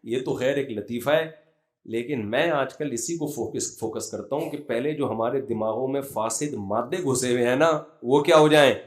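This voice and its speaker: A middle-aged man giving a religious talk, telling funny stories in a chatty way. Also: mid-range voice. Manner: humorous storytelling, conversational. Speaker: Islamic preacher.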